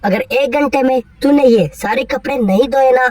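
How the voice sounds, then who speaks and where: A woman's voice: sits high, normal speed, darkish tone, no echo, far from the mic. A woman voicing a cruel, berating middle-aged mother in a cartoon story. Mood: scolding. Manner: harsh, berating.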